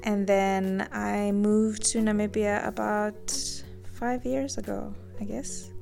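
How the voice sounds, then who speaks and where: A woman's voice: mid-range voice, little pitch movement, takes it slowly, vocal fry, warm tone, faint music behind. A young woman from Zambia, a guest artist, telling her story in a friendly, chatty way in a casual podcast interview.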